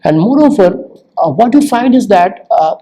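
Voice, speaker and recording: A man giving a recorded literature lecture, explaining slowly, repeating words for emphasis and filling pauses with "you know" and "uh". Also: sits high, animated, mellow, a little hiss or hum, low-quality recording.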